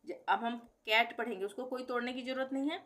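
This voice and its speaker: A woman's voice: on the high side, fairly even intonation, fast talker, fairly bright tone. A middle-aged woman teaching a pronunciation lesson, patiently repeating example words and asking and answering her own questions. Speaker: language teacher. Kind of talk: explanatory lesson.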